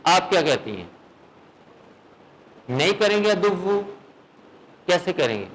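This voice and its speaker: A man's fairly high voice leads a classroom recitation lesson. He fires questions at his students and checks they follow. He slows right down to drill each sound. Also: very animated, fairly bright tone, poor audio. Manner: quizzes students, then drills sounds slowly; firm, often checks with "okay?". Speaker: Quran recitation teacher.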